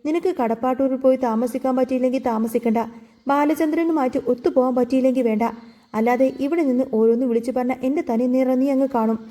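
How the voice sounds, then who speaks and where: A woman's voice: sits high, steady tone, fast talker, dark tone, natural voice. Woman reading as a stern older patriarch. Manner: stern, commanding. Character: stern older man, head of the household.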